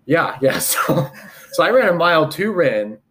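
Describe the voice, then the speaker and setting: A man's voice: fairly high pitch, unhurried, slight background noise. A man co-hosting a podcast, telling a story in casual chat and acting out what people said. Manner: animated storytelling, acting out quotes. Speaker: podcast co-host.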